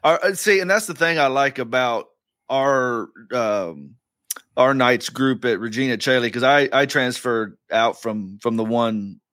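A man's voice: medium pitch, unhurried, fairly bright tone, no echo. Forty-year-old male guest, dry humor, dry mic. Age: 40s. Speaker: podcast guest. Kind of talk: casual chat.

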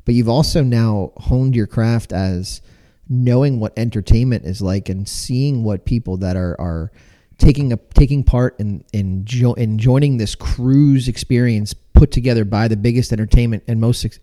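A man's voice: medium pitch, normal speed, dark tone. A man from the United States hosting a podcast interview, asking long, rambling questions with many restarts. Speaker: podcast host.

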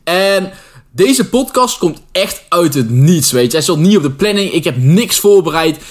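A young man with a Dutch accent talks off the cuff in a loose, slangy way, tossing English phrases into his talk. His voice sits a little high for a man. He hosts his own podcast as an online personal trainer. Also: animated, moderate pace. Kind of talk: unscripted solo podcast talk.

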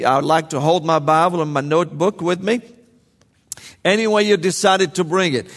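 A man's voice: fairly high pitch, big-room sound. A man preaching a sermon, joking and calling out to the congregation. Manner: lively, joking, calls to the congregation. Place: large church sanctuary.

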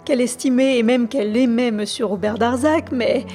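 A woman voicing a grave elderly male professor who speaks in a formal, measured, dignified way, in an audiobook reading. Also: on the high side, steady tone, darkish tone, soft background music, close to an everyday voice. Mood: troubled.

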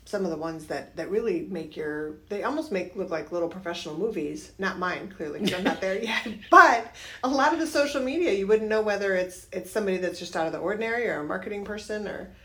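A woman's voice: fairly low pitch, fast, hardly any pauses. A middle-aged woman with a nasal voice co-hosting a business podcast, who keeps the talk on track and affirms her partner. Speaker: podcast co-host, realtor. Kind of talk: casual chat.

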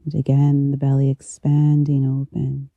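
A meditation teacher guiding relaxation gently, with a soft, intimate delivery right in the listener's ear. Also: mid-range voice, completely flat delivery, vocal fry, dry recording, narrow, tinny audio. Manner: slow, unhurried, gentle pauses. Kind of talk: guided meditation, soothing instruction.

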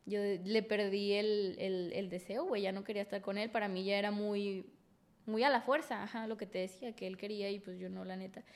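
A woman's voice: mid-range voice, steady tone, fairly quick. A woman with a Mexican accent, a podcast guest telling a personal story frankly and emotionally, full of fillers.

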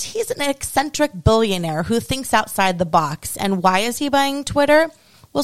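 A woman's voice: mid-range voice, clear, resonant tone, no room sound. A woman hosting a solo podcast, ranting with sarcasm and heavy swearing. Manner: sarcastic, swears freely, swings between mock praise and outrage. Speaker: podcast host. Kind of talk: solo opinion podcast rant.

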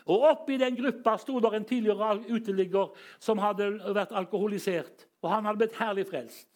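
A man preaching a charismatic sermon, telling stories and bursting into shouted hallelujahs. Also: high-pitched. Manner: storytelling that swings up into shouted hallelujahs, chuckles.

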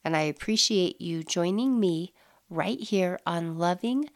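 A middle-aged woman hosting a casual solo podcast, effusive and upbeat with soft breathy asides, sounding nasal from allergies. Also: fairly low pitch, animated, unhurried. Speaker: podcast host.

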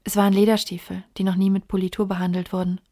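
This is a blunt, candid young baronet raised in America, voiced by a woman reading an audiobook. He talks plainly, with a gravelly fry at a middle pitch. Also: little pitch movement, fast talker, dark tone, close to an everyday voice. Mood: plainspoken.

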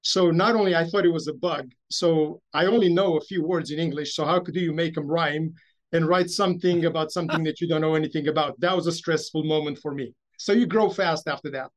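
This man in his fifties, from Romania, recounts his family's past as an interview guest. His voice sits a little higher than most men's, and he talks in an unhurried, anecdotal way, often poking fun at himself. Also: steady tone, low-quality recording. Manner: measured, anecdotal and self-deprecating. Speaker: guest, investment bank CEO. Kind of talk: interview storytelling.

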